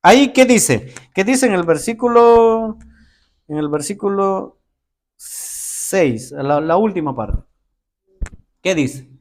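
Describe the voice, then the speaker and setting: Pastor preaching, high and lively. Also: male voice, slow pace, long pauses. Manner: expressive preaching, acting out prayers and letters. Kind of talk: sermon.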